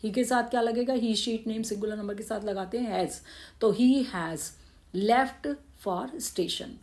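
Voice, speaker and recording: A woman's voice: a little high, takes it slowly, a little mellow. A woman with an Indian accent teaching an English grammar lesson, explaining rules step by step and answering her own questions.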